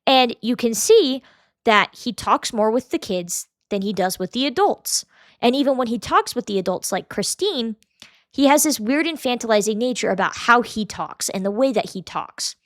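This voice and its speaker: A young woman hosting a podcast, giving blunt, profane, animated commentary and sometimes mocking people with quick impressions. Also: on the high side, no room sound, studio quality. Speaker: podcast host. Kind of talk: casual commentary.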